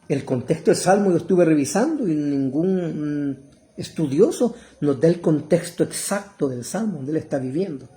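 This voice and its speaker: A middle-aged man preaching a fervent sermon, calling listeners brother and rising to loud cries. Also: a little high. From El Salvador.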